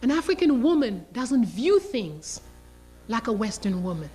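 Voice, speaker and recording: A woman's voice: a little high, big pitch swings, measured pace, warm tone, poor audio. A woman lecturing on history as a teacher, telling a story passionately and with emphasis. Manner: passionate, emphatic, acts out quotes.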